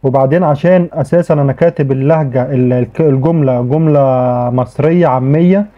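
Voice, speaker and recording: A man's voice: on the high side, fast talker. A man with an Egyptian accent explaining a tech tutorial in a chatty way, often restarting his sentences. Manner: chatty, repeats "okay" often, frequent restarts. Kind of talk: casual screen-recorded tutorial. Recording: tinny phone-like audio.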